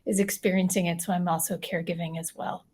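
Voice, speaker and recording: A woman's voice: lowish voice, flat delivery, quick pace, a little mellow, breathy edge. Earnest woman expert on a panel. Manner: earnest, reflective. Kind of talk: panel answer.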